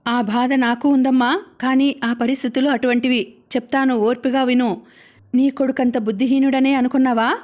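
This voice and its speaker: A woman's voice: high-pitched, little pitch movement, moderate pace, a little mellow, close to an everyday voice. A woman reading the lines of a troubled young husband who earnestly pleads with his mother. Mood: pleading.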